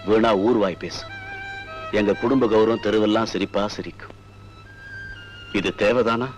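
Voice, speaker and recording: A man's voice: on the low side, normal speed, faint music behind, natural voice. An actor playing an ailing older father-in-law who speaks in an earnest, pleading way. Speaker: head of the family, father-in-law. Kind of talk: film drama acting.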